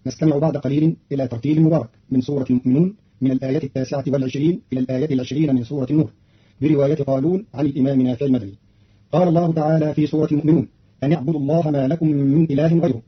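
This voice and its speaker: A man's voice: a little high, fairly even intonation, breathy edge. A man giving formal, scripted radio commentary that explains points of recitation. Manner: formal, explanatory, quotes verses in a slower voice. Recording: dull lo-fi radio archive recording.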